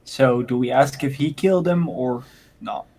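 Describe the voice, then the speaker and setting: A man's voice: mid-range voice, moderate pace, a little mellow. A man giving casual commentary while playing a game, hesitant and giggly as he muses over choices. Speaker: let's-play player.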